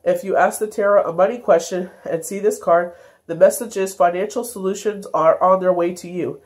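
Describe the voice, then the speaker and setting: Fairly low and darkish, her voice holds a steady tone at a fairly quick clip. She's a tarot reader with a stuffy nose, giving an offhand daily reading that drifts around amid fillers and self-corrections.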